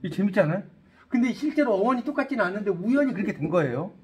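This is a classroom-style English lesson taught in Korean by a middle-aged man whose high voice comes out rapid-fire. He is animated, quizzing the class and throwing in jokes.

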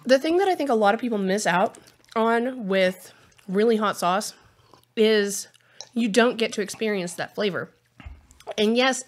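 Blunt, swearing woman co-host. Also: mid-range voice. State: feeling the burn of hot sauce. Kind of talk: casual chat while eating hot sauce.

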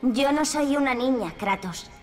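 A woman's voice: sits high, lively intonation, unhurried, a little mellow, recorded from a distance, faint music behind. A woman voicing a young woman who pleads insistently to be set free, in a video game. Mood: pleading.

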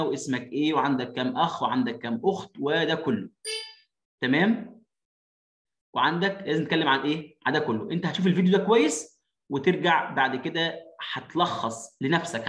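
A man with an Egyptian Arabic accent giving an online English lesson, reading English lines slowly and translating them, repeating his points. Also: on the high side, fairly bright tone. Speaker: English teacher. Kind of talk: online lesson for parents and children. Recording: echoey room.

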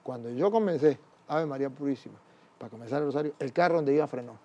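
A man's voice: mid-range voice, fast, mellow. A man, a priest, telling his life story in an interview, acting out the dialogue as he goes. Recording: dull, muffled sound.

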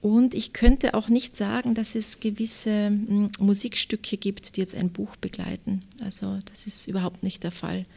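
A woman author with an Austrian German accent, answering interview questions and reading from her novel in a measured, thoughtful way. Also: medium pitch, level tone, gravelly, a little mellow. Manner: measured, thoughtful, reflective pauses.

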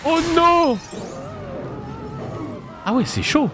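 Lively high-voiced male game streamer. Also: drawn-out words, music in the background. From France. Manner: animated, chatty, laughs often, reacts loudly. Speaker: streamer playing a video game. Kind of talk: casual live gameplay commentary.

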